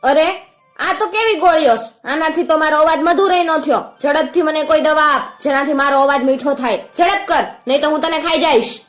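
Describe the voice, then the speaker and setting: A sly, hungry wolf from a storybook, as a woman narrator puts it on, squeezing its voice up high and sweet to pass as a mother goat. The tone is syrupy and coaxing but snaps into barked threats. Faint music plays behind. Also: moderate pace, a little mellow, natural voice. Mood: angry, threatening. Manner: sugary coaxing, then barking threats.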